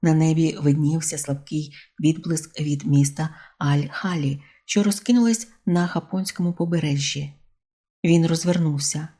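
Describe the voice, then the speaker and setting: Low, husky woman narrating a story. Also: steady tone, moderate pace, dark tone. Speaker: audiobook narrator.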